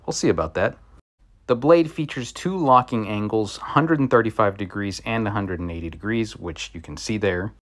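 Wry, low-voiced man reviewing tools. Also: normal speed, a bit bright. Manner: wry, joking asides. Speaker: tool reviewer. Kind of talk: casual product review.

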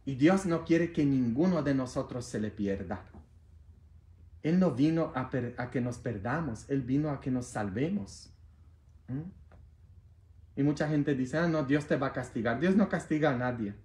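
A man preaching a sermon as a priest, playful and animated, with bursts of shouting. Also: mid-range voice, measured pace, long pauses. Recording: roomy echo.

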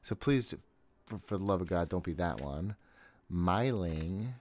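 Unhurried and a little mellow, this man in his thirties has a low voice with lively intonation. He streams a horror game from a small home room, keeping up casual, jittery, exasperated self-talk with frequent swearing. A desk microphone picks him up while he wears a headset.

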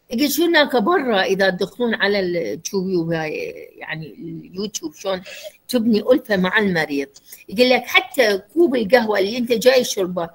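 Lively high-voiced Iraqi woman lecturing. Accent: Iraqi Arabic. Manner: lively, explains with acted examples and questions to students. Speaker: lecturer and doctor. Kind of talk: university lecture.

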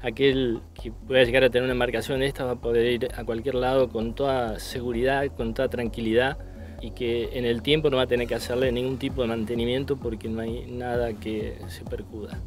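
A man's voice: mid-range voice, flat delivery, brisk. A middle-aged man, a boatbuilder answering interview questions in a plain, proud way. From Argentina.

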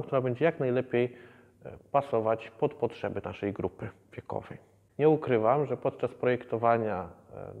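A man in his thirties, a museum educator, explaining the exhibition in a measured way with many hesitations. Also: medium pitch, long reverb tail, narrow, tinny audio. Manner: measured, with frequent hesitation fillers. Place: museum exhibition hall, indoors.

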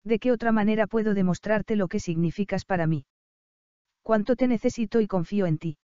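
A tender young prince speaks low and earnest in a hush, as a woman reads him in an audiobook. The tone is warm and smooth, and the recording sounds dull and lo-fi. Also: brisk, dry recording, natural voice.

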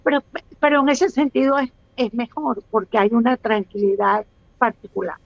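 A woman's voice: on the high side, moderate pace, vocal fry, dry recording, lo-fi sound. A Venezuelan woman in her sixties, a guest speaking on a video call, thoughtful and hesitant with many restarts. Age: 60s. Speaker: guest, actress. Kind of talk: casual interview chat.

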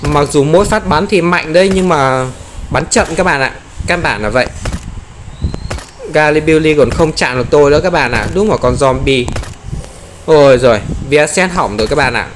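Excitable man commentating a mobile game. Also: fairly high pitch, a little fast, slight background noise. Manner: exclaims often, taunts enemies playfully. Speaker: gameplay commentator.

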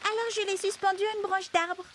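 A woman voicing a cheerful, eager little girl rabbit in a storybook cartoon, with a bright childlike chirp. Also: extremely high pitch, flat delivery, fairly quick, faint music behind, pitched above the performer's own voice. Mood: chirpy.

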